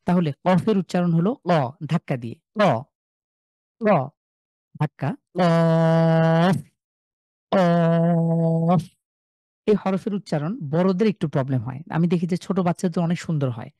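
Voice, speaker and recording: A young man with a Bangladeshi Bengali accent, teaching an online class and sounding out each letter slowly and loudly before explaining it. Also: a little high, expressive, dry recording. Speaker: Quran recitation teacher. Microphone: video call.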